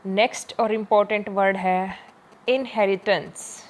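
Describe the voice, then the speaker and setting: Patient woman teacher stretching out words. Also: medium pitch. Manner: explains patiently and slowly stretches out example words; mixes in English terms. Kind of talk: exam-focused lesson.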